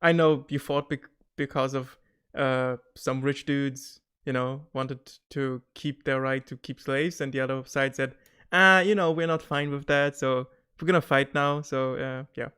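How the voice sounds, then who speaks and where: A man's voice: mid-range voice, unhurried, clear, resonant tone. Guy chatting on a podcast, gets worked up, laughs a lot, stumbles and restarts. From Germany. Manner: animated, laughs often, frequent restarts. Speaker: podcast guest. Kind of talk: casual chat.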